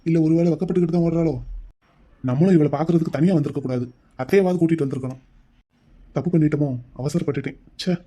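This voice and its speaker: A man's voice: on the high side, quick pace, pauses often, warm tone, close to an everyday voice. A man voicing a young male lead in a cartoon love story, brooding and talking to himself about the girl who ran off. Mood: fretful. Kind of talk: cartoon voice acting.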